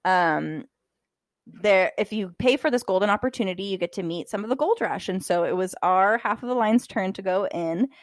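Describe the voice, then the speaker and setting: A young woman co-hosting a casual podcast, chatting in an animated way and saying "like" a lot. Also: medium pitch, normal speed, no echo. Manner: animated, filler-heavy, lots of "like". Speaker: podcast co-host.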